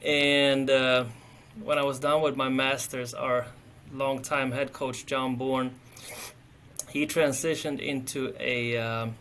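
A man in his thirties from Sweden, speaking English with a Swedish accent as a soccer coach, relaxed and often repeating words while he thinks, on a video call from an office. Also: medium pitch, slow pace, slight background noise. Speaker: head soccer coach, guest. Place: office with window. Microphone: webcam on video call.

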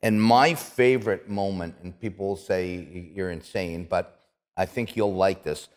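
A deep-voiced, unhurried man in his fifties from Toronto, a retired athlete now hosting an interview show, tells casual stories with animated emphasis, repeating words for punch. He's in a small, office-like indoor studio set, and the room is echoey with a long reverb.

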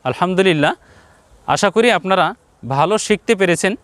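A man teaching Quran reading on a TV lesson, addressing viewers directly, repeating points and drawing out syllables slowly. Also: sits high, fairly bright tone, smooth, no room sound. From Bangladesh.

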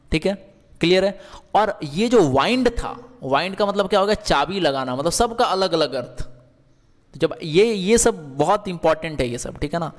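A man's voice: sits high, long reverb tail. A man teaching English verbs in Hindi, asking questions and answering them himself, with frequent checks that the class is following.

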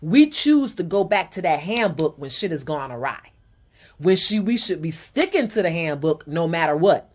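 Measured female podcast co-host. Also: fairly low pitch, big pitch swings. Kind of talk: casual debate chat.

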